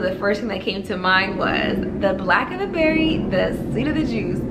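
A woman's voice: mid-range voice, background noise. A young woman in her twenties, showing off and gushing over candles in a casual home haul video. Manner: gushing, enthusiastic. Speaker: beauty vlogger. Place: living room at home.

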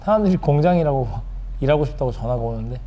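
Mellow-voiced man answering an interview. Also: medium pitch, lively intonation, fast. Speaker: magician in a performance troupe. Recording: faint background noise.

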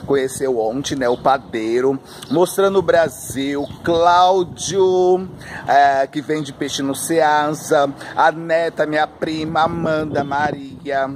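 A man's voice: a little high, fairly even intonation, takes it slowly. A flamboyant young man telling dramatic gossip in a vlog, drawing out his words. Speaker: vlogger. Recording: loud street noise and traffic.

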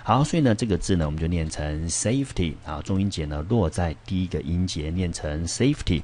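A man teaching English vocabulary in Taiwanese Mandarin, explaining words with animated emphasis and frequent fillers. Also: brisk. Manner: animated, with sudden high-pitched emphasis and frequent "so then" fillers.

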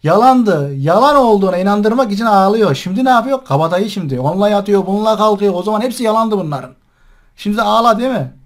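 A man's voice: high-pitched, lively intonation, quick pace, few pauses. A male online host mocking and scolding someone while commenting on a recording he plays. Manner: mocking, scornful and indignant.

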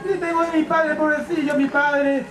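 A man voicing a frightened young male dog thief who pleads and cries for help in a high, desperate voice. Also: level tone, normal speed. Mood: tearful. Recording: echoey room from a distance, crowd behind.

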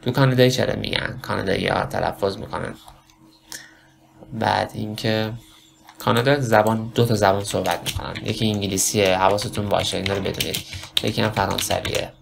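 A man with a Persian accent giving a casual spoken lesson on English pronunciation, rambling and correcting himself as he slowly demonstrates words. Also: lowish voice, steady tone, gravelly, background noise.

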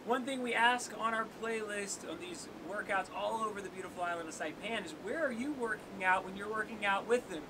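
A man's voice: a little fast, few pauses. A young man hosting an outdoor workout, joking and counting down for viewers in a seaside cave. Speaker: workout host. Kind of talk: casual workout coaching. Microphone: camera on tripod at a distance. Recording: noisy outdoor recording with wave rumble.

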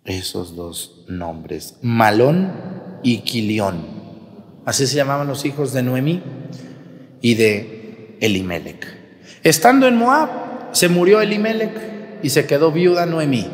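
Priest guy telling a bible story in a sermon, mid pitch, big echoey church sound. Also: slow pace, long pauses. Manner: lively storytelling, asks the congregation questions. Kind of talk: homily retelling a Bible story.

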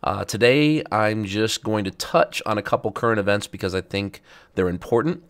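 A middle-aged man hosting a finance podcast, speaking casually with many ums, his voice raspy and a little stuffed up after illness. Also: fairly low pitch, normal speed. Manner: chatty, many ums and uhs. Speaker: podcast host, financial advisor. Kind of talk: casual educational podcast talk.

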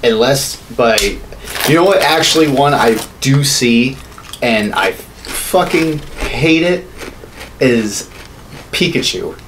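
Speaking into a podcast mic on a desk boom arm in a small home studio, a thirtysomething co-host chats bluntly and profanely as he shares his views. His mid-range voice is animated but slow-paced, and background noise is clearly audible.

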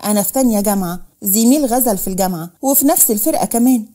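A woman's voice: medium pitch, lively intonation, very fast, warm tone, lightly acted. A woman voicing a smug, greedy young man with an Egyptian accent, in a storybook reading.

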